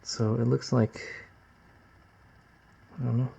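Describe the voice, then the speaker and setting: A man talking casually and plainly like a gruff home mechanic while working at his bench, with slangy, unpolished asides. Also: mid-range voice, level tone, slow, dark tone. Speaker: amateur motorcycle mechanic, vlog host. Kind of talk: casual hands-on workshop narration. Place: workbench, close to the camera. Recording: slightly dull, lo-fi camera audio.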